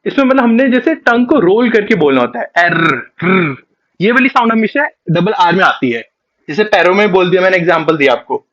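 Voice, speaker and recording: A man teaching a beginner Spanish lesson, explaining patiently step by step and switching between Hindi and English. He slows down to spell out and repeat each letter sound. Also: high-pitched, expressive, a bit bright, lo-fi sound.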